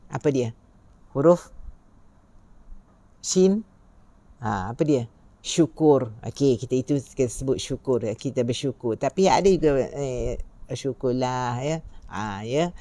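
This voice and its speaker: A middle-aged woman leads a recitation lesson at an unhurried pace. She repeats each letter sound and keeps asking her listeners questions. The recording is dry, with no room echo. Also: sits low, a little mellow. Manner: asks rhetorical questions to listeners. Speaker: Quran recitation teacher. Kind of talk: tajwid lesson.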